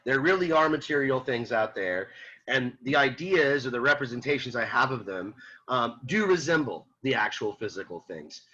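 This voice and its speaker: A man lectures a philosophy class in a bright, forceful voice with a husky edge. He repeats points and throws questions at the students. The lo-fi recording sounds dull. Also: medium pitch, normal speed. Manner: animated, repeats himself, rhetorical questions to students. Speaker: philosophy teacher. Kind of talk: classroom lecture reading and explaining a text.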